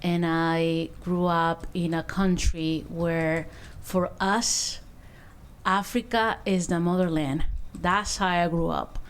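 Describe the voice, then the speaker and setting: Woman, council member, smooth clear voice, personal storytelling. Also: fairly low pitch, steady tone, slow. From Venezuela. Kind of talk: public remarks at a council session.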